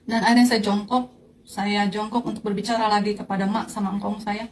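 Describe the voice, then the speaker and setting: A woman telling a personal faith testimony in a slow, earnest way, recounting a vision. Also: mid-range voice, level tone, a little hiss or hum, low-quality recording. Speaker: church testimony speaker.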